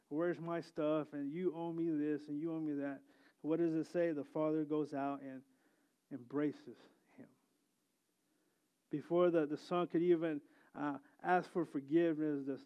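Conversational male preacher, muffled sound. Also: on the high side. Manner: conversational preaching with frequent restarts and tag questions. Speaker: pastor. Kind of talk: sermon.

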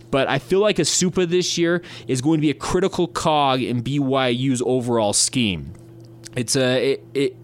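A young man hosting a solo sports podcast, chatty and easygoing, often restarting his sentences. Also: mid-range voice.

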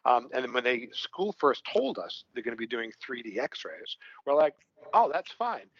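Very animated and speaking at normal speed, a Brooklyn-born co-founder with a Brooklyn accent describes his work in a casual interview, rambling through fillers and restarts. His medium-pitched voice is a bit bright and slightly rough, recorded without echo in lo-fi sound.

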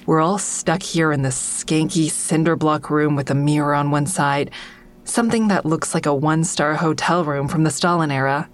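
A natural-sounding low female voice at a moderate pace, with slight background noise, belongs to an actress narrating and playing the lead in an audio drama. Her character is guarded, agitated and sardonic; the first-person narration and dialogue feel tense and brooding, with an exasperated manner.

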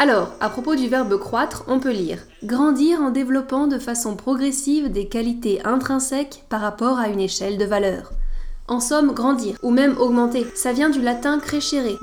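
Woman, podcast host, bright higher voice, playful teacherly read, faint music under. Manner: playful, didactic, teasing asides. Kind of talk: scripted educational podcast.

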